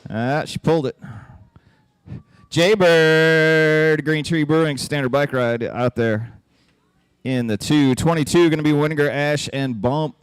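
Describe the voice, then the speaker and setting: A man's voice: on the high side, unhurried, clean tone, no echo. A man announcing live races with folksy, joking play-by-play, his voice starting to crack. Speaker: track announcer. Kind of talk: live race commentary.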